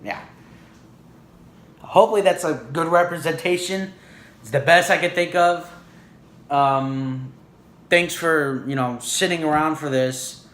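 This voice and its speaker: Man, casual vlog monologue, rambling, fillers, slightly high voice, echoey room. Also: steady tone, measured pace, long pauses, a bit bright. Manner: rambling, frequent "you know" and "like". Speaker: vlogger.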